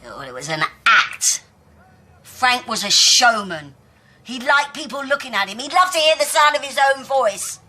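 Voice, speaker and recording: An actress playing a proud, stubborn older woman, scornful and sharp in a television soap drama. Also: on the high side, big pitch swings, moderate pace. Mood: bitter. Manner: sharp and scornful, turning bitter and hushed. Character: proud older female pub landlady, fiery and stubborn.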